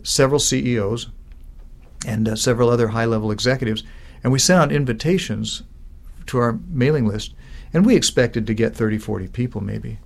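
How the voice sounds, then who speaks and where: Male business coach, mid-pitched, lively anecdotal storyteller. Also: brisk, vocal fry. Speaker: business speaking coach and co-founder. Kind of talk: animated conversational storytelling.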